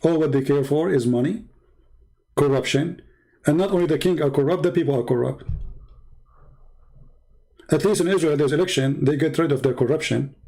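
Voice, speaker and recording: A man's voice: on the high side, mellow, rough recording. A man from the Middle East giving a sarcastic, mocking polemical monologue as a debater, issuing challenges.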